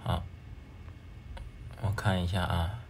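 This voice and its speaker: A man's voice: sits low, little pitch movement, takes it slowly, vocal fry, slight background noise. A man hosting a livestream, talking with callers in a casual, exasperated way and repeating his thanks to donors. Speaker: livestream host taking callers. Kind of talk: casual live-stream chat.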